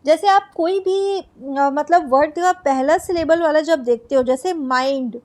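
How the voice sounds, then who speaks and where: In a high voice, a woman leads an exam-prep lesson, explaining things in Hindi and slowly reading English definitions aloud. She poses questions and then answers them herself.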